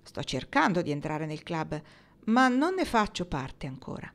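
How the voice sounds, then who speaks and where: A woman reading the part of an awkward, earnest young man confessing his feelings, speaking haltingly with pauses. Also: deep voice, sing-song, heavily acted. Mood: quiet.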